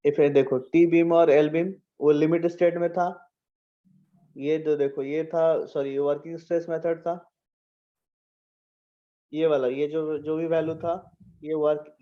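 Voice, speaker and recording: A man gives an engineering lecture, answering his own questions and slipping in English terms. His voice is on the high side, and the audio sounds dull.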